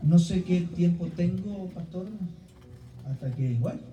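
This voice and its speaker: This middle-aged man, whose accent is Ecuadorian Spanish, has a high, warm voice and speaks unhurriedly, though the recording's highs are cut off. He is a guest preacher giving a sermon, starting with a personal introduction, to a congregation. The church hall sound is roomy, distant-miked, and carries faint background noise.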